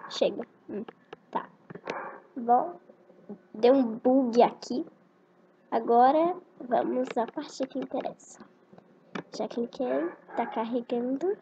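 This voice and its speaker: A female gamer chatting casually through her first play of an online animal game, gushing over the cute creatures. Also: high voice. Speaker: gameplay narrator. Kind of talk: casual gameplay commentary. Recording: dull lo-fi recording with loud noise.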